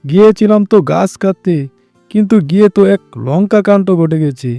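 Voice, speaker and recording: A man voicing an earnest high-voiced cartoon fox. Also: a little fast, warm tone, dry recording, faint music behind. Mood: excited. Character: good-hearted poor woodcutter fox, devoted husband and father. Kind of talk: cartoon voice acting.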